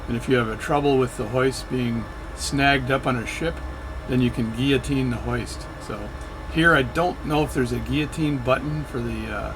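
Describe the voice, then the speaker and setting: Speaking over music on a low-quality recording, a man narrates his flight sim session in a mid-range voice, at a moderate pace and with hardly any pauses. The flight sim video creator keeps it chatty and meandering, often fixing his wording mid-sentence.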